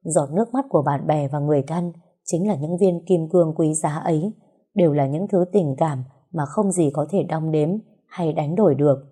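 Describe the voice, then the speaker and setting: A woman narrates a novel in the first person, reflective and emotional in her storytelling. Her voice is low-pitched and very mellow, with no brightness at all. The delivery suits an audiobook. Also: normal speed, breathy edge.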